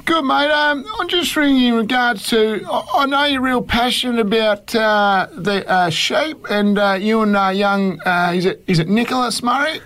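A man's voice: very high-pitched, normal speed, hardly any pauses, bright, forceful tone. A man voicing a friendly country sheep farmer on a prank phone call, with a laconic, hesitant Australian drawl. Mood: matey, hesitant. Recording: phone call played on radio.

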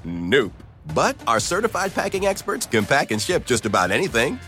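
A man's voice: medium pitch, wildly swooping pitch, moderate pace, sharp tone. An actor playing a helpful male store worker in a conversational, reassuring advertisement. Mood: playful, candid. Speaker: commercial actor and spokesman. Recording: music under the voice. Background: background music.

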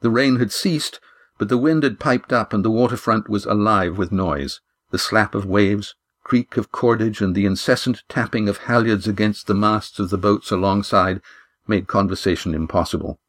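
A man narrating a novel chapter in a steady, measured reading voice. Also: fairly low pitch. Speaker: audiobook narrator. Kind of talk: scripted story narration.

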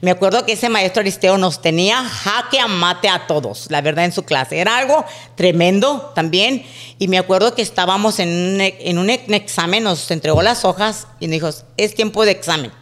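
With a mid-range voice and a moderate pace, this middle-aged woman shares childhood anecdotes as a guest on a podcast. Her casual storytelling is animated, and she voices each character's dialogue.

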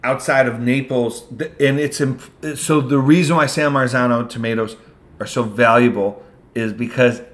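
A man's voice: medium pitch, fairly even intonation, normal speed. A man co-hosting a podcast in casual chat, playful and laughing often, with lots of ums and restarts. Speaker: podcast co-host.

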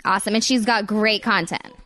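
A woman's voice: mid-range voice, steady tone, fairly quick, sharp tone. A woman hosting a podcast in a casual, eager and chatty way. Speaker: podcast host.

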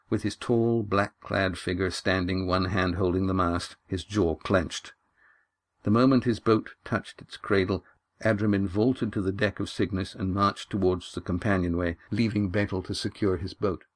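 Low-voiced man narrating a story. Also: fairly even intonation, normal speed. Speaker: audiobook narrator. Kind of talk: scripted narration.

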